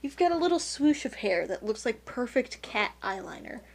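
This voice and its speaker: A woman's voice: on the high side, big pitch swings, moderate pace, gravelly. A woman hosting a casual podcast chat, making dry, wry asides. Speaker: podcast host.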